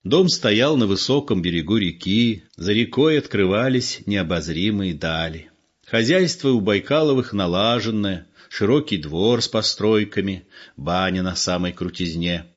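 Male audiobook narrator, expressive, low-pitched voice, dull lo-fi recording. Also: a little slow. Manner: expressive, acts out the characters. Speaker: reader.

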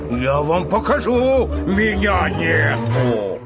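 A man's voice: on the high side, big pitch swings, full character voice. Big bad wolf from a kids story, growls and drags out every word, a guy reading, music behind. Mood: menacing. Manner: growled, drawn-out threats. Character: blustering, menacing grown male wolf. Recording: dull lo-fi audiobook with music.

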